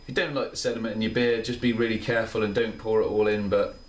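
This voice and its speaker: Fast, level and on the low side, a tired man's voice runs through a casual, enthusiastic beer review; he's in his thirties and standing in his small home kitchen. The camera mic is a few steps away, so the recording sounds distant and roomy.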